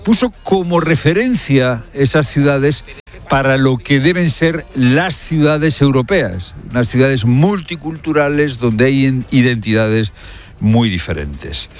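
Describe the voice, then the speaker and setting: A man's voice: mid-range voice, animated, unhurried, soft background music. A man giving live news commentary. He talks emphatically, asks rhetorical questions and often hesitates with fillers. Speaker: radio commentator.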